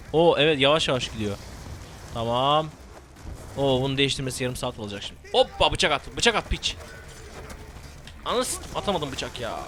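A young man narrating his own gameplay in a let's play, swearing freely and cracking jokes as he goes. His voice sits at an ordinary pitch, jumping into sudden excited shouts before dropping back to muttered remarks. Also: slight background noise. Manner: profane, excitable, joking running commentary. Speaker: gameplay commentator.

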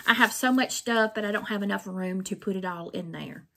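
A woman's voice: medium pitch, brisk, vocal fry, sharp tone. A middle-aged woman with a Mississippi Southern accent, chatting casually in a folksy, rambling way as she shows craft purchases. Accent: Mississippi Southern American. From Mississippi, United States. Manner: folksy, rambling, repeats herself. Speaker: craft vlogger. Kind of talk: casual unboxing chat. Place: small plain room indoors. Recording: noisy room, crinkling plastic.

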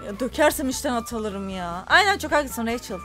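A young woman chatting her way through a story-driven phone game, high-pitched and bouncing all over her range. She talks with dramatic, teasing flair, over faint background music. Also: lively intonation, moderate pace, bright, forceful tone. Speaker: gaming YouTuber. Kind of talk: let's play commentary.

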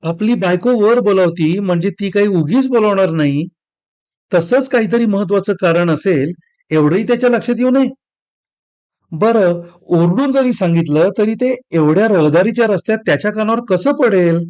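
A man reading a short story aloud in an expressive storytelling style. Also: sits high, moderate pace. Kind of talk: scripted narration.

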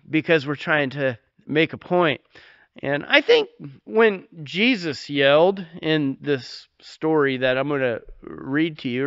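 A man's voice: a little high, fairly bright tone, clean tone, no room sound, dull audio. A man preaching a sermon as pastor, earnest and folksy, with many fillers and repeated starts, and he rises sharply when he quotes scripture.

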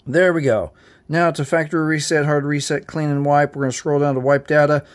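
Fairly quick and with fairly even intonation, this host's voice sits on the high side. Indoors at a table, phone held up to the camera, he walks viewers through a phone reset step by step, directly and repetitively.

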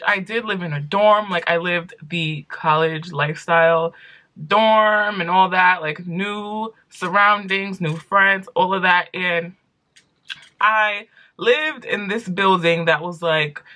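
A woman's voice: mid-range voice, pushed and bright. An American woman in her twenties from New York City, telling a personal story to camera in a casual, chatty, gossipy way. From New York City, United States. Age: 20s. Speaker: vlogger. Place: small room indoors at home.

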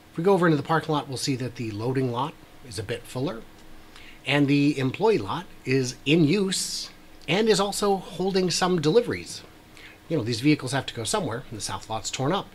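A medium-pitched man in his forties, working as a YouTube host, gives relaxed, wry commentary on drone footage, his speech full of "uh"s. The setting is a small room with a brick wall, with slight background noise.

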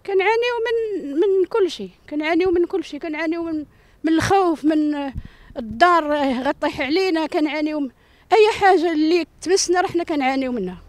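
A woman's voice: very high-pitched, quick pace, no room sound. An older woman with a Moroccan accent, giving a distressed, repetitive plea in a street interview into a handheld microphone. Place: outdoor rubble-strewn yard. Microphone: handheld reporter microphone.

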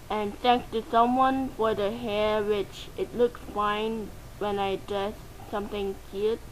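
A woman voicing a cartoon boy cat who hosts a slow, chatty fashion update in a fan-made dub. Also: mid-range voice, a little hiss or hum, close to an everyday voice, rough recording. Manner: slow, chatty host reading shout-outs.

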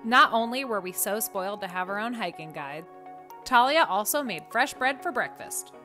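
A woman's voice: medium pitch, expressive, normal speed, music in the background. A woman giving light voice-over narration for a travel vlog, telling the day in a storytelling way.

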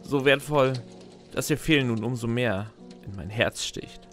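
In a scripted first-person audio drama set to music, a man narrates as its lead, a sardonic, frustrated character who is secretly lonely and sentimental. His natural, mid-range voice is a bit bright and measured in pace, and his dry, sarcastic delivery carries a sad, wistful mood.

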